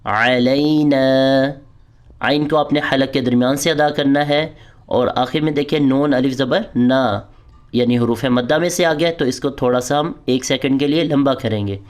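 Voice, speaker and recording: A man teaching prayer recitation in an online lesson. He explains each point patiently, then recites long, drawn-out model lines for students to repeat. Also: medium pitch, clear, resonant tone.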